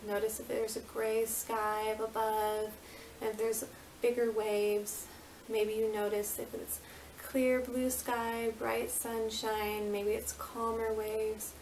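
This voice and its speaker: A woman yoga instructor leading a guided meditation with soothing, unhurried, gently repeated instructions. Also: on the high side, monotone. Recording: roomy, distant mic with faint noise.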